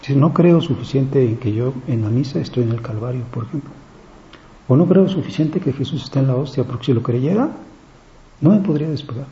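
A priest giving a reflective, conversational meditation on a gospel reading, pausing often and speaking in a gentle, searching way. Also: male voice, mid-range voice. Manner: reflective, conversational preaching with many pauses and fillers. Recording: slightly dull, faint background noise.

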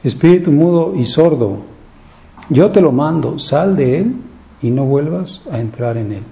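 A man's voice: mid-range voice, normal speed, dark tone, close to an everyday voice. A man reading the part of Jesus in a gospel passage, speaking with stern, exasperated reproach. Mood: commanding. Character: Jesus, weary grown man, stern and commanding. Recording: slightly dull, faint background noise.

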